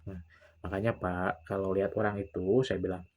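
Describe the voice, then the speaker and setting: Talking to the camera, a young vlogger retells conversations and frequently performs what other people said. His deep voice is brisk, a little mellow and flat in delivery.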